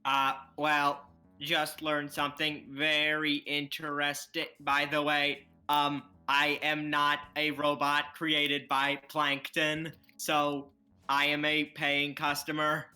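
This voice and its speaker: A man voicing a crafty old man who poses as a harmless grandfather while threatening lawsuits. He talks slowly and slyly with a sharp, bright tone, dropping fake robot noises. Faint music plays underneath. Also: on the high side, monotone, full character voice. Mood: scheming. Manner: slow, sly, mock-robotic threats. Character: scheming old man posing as cheerful grandfather. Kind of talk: fan comedy dub.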